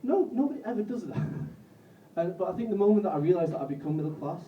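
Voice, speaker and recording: A man in his twenties from Bolton with a Northern English accent, doing a live stand-up set in a self-deprecating, halting way with frequent swearing. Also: high voice, lively intonation, slight background noise. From Bolton, England. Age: 20s. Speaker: stand-up comedian. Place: comedy club stage. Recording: roomy, distant, muffled live recording.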